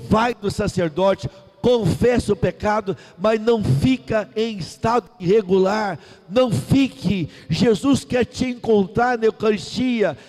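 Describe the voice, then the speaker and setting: Emphatic Brazilian preacher, high voice, echoing hall. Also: male voice, warm tone. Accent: Brazilian Portuguese. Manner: emphatic, repetitive call-and-response preaching. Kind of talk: sermon. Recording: long hall reverb.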